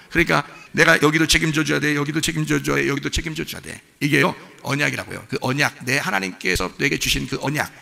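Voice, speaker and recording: A middle-aged man preaches in a church sanctuary at a brisk pace, his voice gravelly and sharply bright. He drops to hushed, tender asides, then rises loud and high, often questioning his listeners. A long reverb trails each phrase through the hall. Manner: asks the congregation questions. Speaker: pastor. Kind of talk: sermon.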